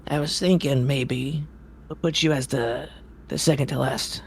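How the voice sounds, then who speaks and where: A man's voice: mid-range voice, steady tone, measured pace, creaky, a little hiss or hum, voice pushed up. A man voicing a bossy, impatient halfling circus ringleader who barks orders. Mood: businesslike. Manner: impatient, barking orders, fumbling. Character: gruff, bossy little halfling ringleader, middle-aged man.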